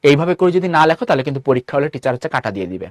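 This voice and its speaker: A man's voice: medium pitch, very animated, no echo. A man with a Bangladeshi Bengali accent teaching a live online class, rattling off questions to his students. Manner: quick, repeatedly quizzing students with rhetorical questions. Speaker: online tutor.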